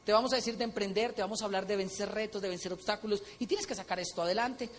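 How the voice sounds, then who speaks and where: Animated Colombian man on stage. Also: sits high, fast talker. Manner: animated storytelling, acting out quotes. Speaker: motivational speaker. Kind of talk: stage talk at a convention. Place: large convention hall. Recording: echoey hall with faint noise.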